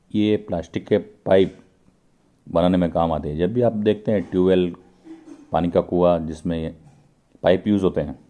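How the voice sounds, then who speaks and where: A man's voice: deep voice, warm tone. A man hosting his own channel, talking viewers through a pipe-making factory as he films it. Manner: explanatory, addresses viewers directly. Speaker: channel host. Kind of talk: factory walkthrough vlog. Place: indoor pipe factory workshop.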